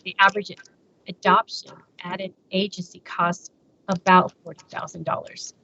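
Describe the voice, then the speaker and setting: A woman giving a slide presentation, halting with fillers and restarts, her volume rising and dropping as her mic cuts in and out. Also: on the low side, little pitch movement, sharp tone, slight background noise. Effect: uneven volume from a mic cutting in and out. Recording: dull lo-fi online call audio.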